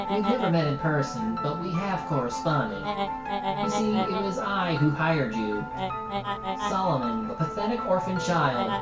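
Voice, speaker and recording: A smug villain mastermind in a youthful body, acted out by a woman, holds forth in grand, condescending monologue for a video game story. The voice sits on the low side and echoes, with loud music behind it. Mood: smug, theatrical. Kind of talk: dramatic character reading of a video game story. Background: loud instrumental game music.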